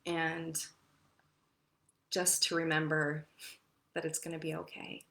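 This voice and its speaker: Gentle meditation teacher lady, low-ish voice with lots of fry, talks softly and reassuring. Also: monotone, takes it slowly. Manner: gentle, reassuring, with sighs and soft laughs. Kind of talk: casual spoken introduction to a guided meditation.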